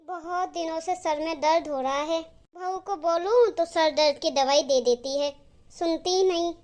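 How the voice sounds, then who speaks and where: A woman voicing a weary, gentle old mother. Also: extremely high pitch, measured pace.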